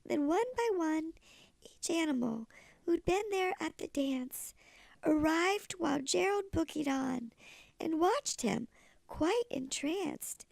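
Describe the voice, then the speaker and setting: Sweet old-lady storybook reader, high and creaky. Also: lively intonation, slow, darkish tone, dry recording. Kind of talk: children's storybook read-aloud.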